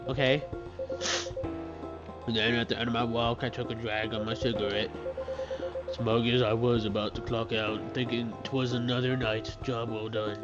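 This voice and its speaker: A man doing a gruff dad telling a spooky story. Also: medium pitch, flat delivery, dull audio, close to an everyday voice. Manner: gruff, dramatic storytelling with slow emphasis. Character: gruff middle-aged night guard father telling a spooky story. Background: loud game music.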